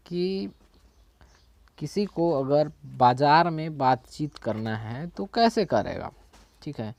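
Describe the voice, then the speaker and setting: A man's voice: on the high side, a little mellow, no room sound. A man with a Chhattisgarhi Hindi accent teaching a language in a casual spoken lesson, often checking in and correcting his own slips. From India.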